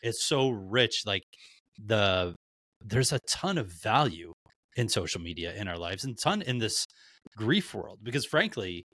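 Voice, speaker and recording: A man hosts a podcast with a low, bright, forceful voice. He talks candidly and loosely, swearing without a second thought. The sound is dry and close. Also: sing-song, a little slow, dry recording. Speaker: podcast host. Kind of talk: casual podcast chat.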